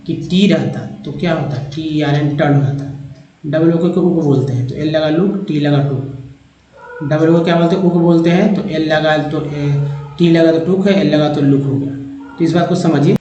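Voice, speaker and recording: A man teaching English pronunciation in Hindi, slowly repeating syllables and word parts over and over. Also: fairly high pitch, mellow, reverberant, highs cut off. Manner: slow, repetitive drilling of sounds. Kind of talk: explaining English spelling in Hindi.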